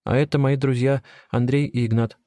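Audiobook role: flustered young priest, quiet, stammers; male reader voices him. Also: medium pitch, little pitch movement, moderate pace, no room sound, clean studio sound, voice pushed up, natural voice. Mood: timid.

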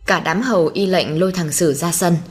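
A woman's voice: on the low side, a little fast, slightly rough, soft background music. A woman reading a dramatic story aloud as narrator.

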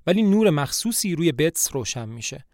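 A male podcast narrator retelling a play as a story, with a somewhat high voice. His pitch swings in a lively, animated way. The sound is close and dry, with no room around it. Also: no echo.

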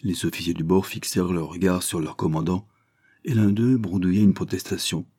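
A man with a husky voice reading a classic short story aloud in a measured, literary way. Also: low-pitched, steady tone, mellow. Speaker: narrator.

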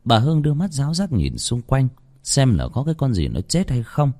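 A man narrating a horror story. His mid-pitched voice swings widely, building dramatic tension line by line. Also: wildly swooping pitch, a little fast, darkish tone.

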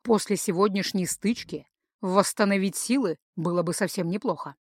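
A woman voicing a fastidious male werewolf warrior in a fantasy audiobook. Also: medium pitch, no room sound, clean studio sound, close to an everyday voice. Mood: pensive. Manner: pensive, then indignant.

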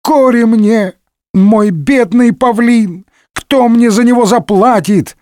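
A man voicing a loud, panicky male innkeeper who shouts and wails. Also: extremely high pitch, slow, no echo, clean studio sound, pitched above the performer's own voice. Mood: wailing. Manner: shouting, wailing.

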